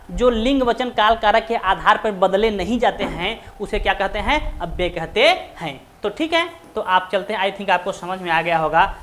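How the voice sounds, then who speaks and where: A woman teaching a Hindi grammar lesson for an exam, who keeps asking rhetorical questions and answering them herself, sometimes slowing to stress words one at a time. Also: mid-range voice, fairly bright tone.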